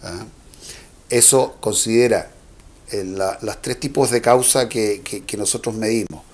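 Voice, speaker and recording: A man's voice: lowish voice, measured pace. A man, an electricity regulator official, explaining technical matters in an interview with fillers and self-corrections.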